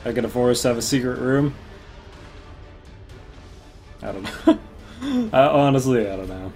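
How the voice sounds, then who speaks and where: A man's voice: medium pitch, unhurried, vocal fry, darkish tone, faint music behind. A man casually commenting while playing a game, rambling, laughing often and swearing now and then. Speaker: gaming streamer. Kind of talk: casual let's-play commentary.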